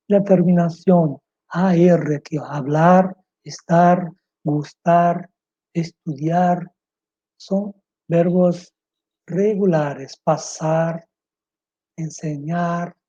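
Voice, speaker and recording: A man with a Brazilian Portuguese accent teaching a Spanish lesson over slides, slow and methodical, spelling out letters and repeating words. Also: fairly high pitch, warm tone, breathy edge. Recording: muffled lo-fi recording.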